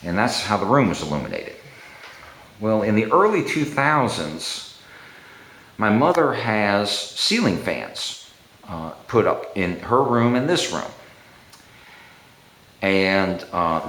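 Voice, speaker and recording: A man's voice: lowish voice, a little slow, long pauses, a little hiss or hum. Chuckling man in an echoey room. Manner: rambling, chuckling, animated when quoting. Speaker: homeowner documenting a room. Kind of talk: casual storytelling to camera.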